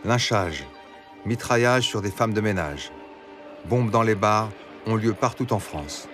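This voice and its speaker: A man giving scripted documentary narration in a measured, solemn way. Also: lowish voice, lively intonation. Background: music.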